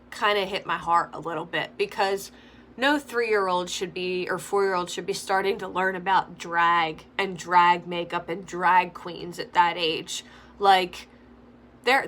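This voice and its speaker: Chatty young woman vlogger, bright tone. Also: medium pitch. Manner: chatty, frequent "like" fillers. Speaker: makeup vlogger. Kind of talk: opinionated commentary during makeup tutorial. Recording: faint background noise.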